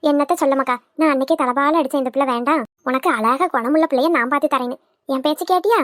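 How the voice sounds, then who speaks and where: A woman doing a sharp-tongued old mother-in-law for a cartoon, scolding and grumbling. The voice sits high yet squeezed down, nagging at everyone around her. It's recorded close and completely dry. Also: quick pace, no echo. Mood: scornful. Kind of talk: cartoon voice acting.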